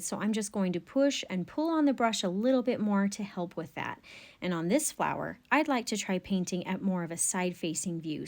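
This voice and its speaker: A woman narrating a step-by-step painting tutorial as a gentle, encouraging instructor. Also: mid-range voice.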